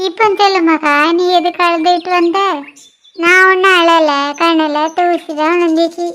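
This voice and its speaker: A woman doing sharp-tongued cartoon girls. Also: high-pitched, slight background noise, lightly acted. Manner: sharp-tongued, teasing, scolding. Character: bickering young women in a clothing shop. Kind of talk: cartoon voice acting, one voice for several girls.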